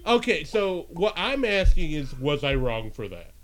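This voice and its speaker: A man's voice: on the high side, sing-song, measured pace, a bit bright, a little hiss or hum. Laughing man telling a story. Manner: storytelling, laughs often, acts out quotes. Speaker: podcast co-host. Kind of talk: casual crude banter among friends.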